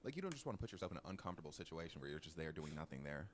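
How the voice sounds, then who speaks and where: Fast-talking man with a very deep voice. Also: big pitch swings, heavy background noise. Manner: mock-advice delivery with dramatic asides. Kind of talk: joking casual chat.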